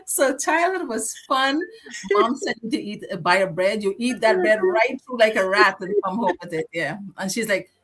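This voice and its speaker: A woman with a Guyanese accent hosts a casual live chat, spinning animated stories from her childhood. Her voice sits at a middle pitch for a woman, and her delivery is lively and conversational. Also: normal speed, slightly rough. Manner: animated nostalgic storytelling. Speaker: co-host.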